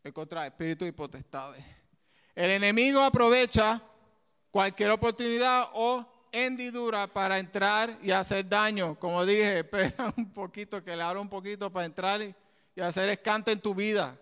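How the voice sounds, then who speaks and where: A man preaching a sermon in an animated way, with side remarks and laughter. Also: sits high, normal speed, smooth, big-room sound.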